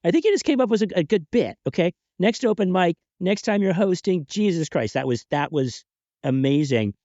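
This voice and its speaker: A man hosting a podcast in casual chat, excitable and rambling, laughing between thoughts, on a home podcast mic. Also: high voice, normal speed, no echo, dull audio. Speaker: podcast host.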